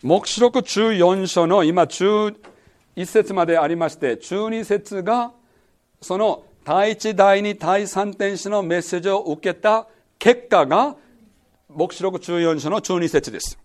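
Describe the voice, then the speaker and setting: A man's voice: sits high, unhurried. A man teaching a Bible lesson as pastor, quizzing his listeners and repeating key words. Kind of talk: sermon-style Bible lesson.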